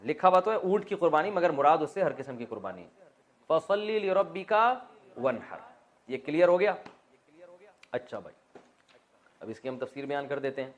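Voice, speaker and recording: A man's voice: fairly high pitch, sing-song, long pauses, muffled recording. A man, an Islamic scholar, explains the Quran in a teaching style. He asks questions and answers them himself, with light joking asides. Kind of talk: explanatory religious lesson. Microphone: recording while writing on a board.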